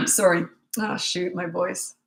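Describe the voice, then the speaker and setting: Her voice lowish, creaky and slow, a woman in her sixties gives blunt, matter-of-fact parenting advice on a live stream. She's a parenting coach fighting a cold that's making her voice give out. The audio sounds roomy.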